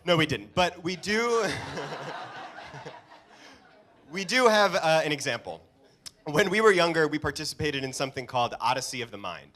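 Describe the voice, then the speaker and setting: A man's voice: a little high, very animated, moderate pace, long pauses, fairly bright tone. A young adult man giving a joking wedding toast as best man, with wry asides. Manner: joking, wry asides, chuckles between lines. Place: live speech at a wedding reception.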